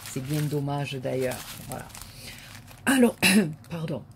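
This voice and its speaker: A woman's voice: very deep voice, lively intonation, slow pace, vocal fry, background noise. A woman vlogger chatting casually to viewers as she unboxes a parcel, gushing and repeating her words of praise with many fillers.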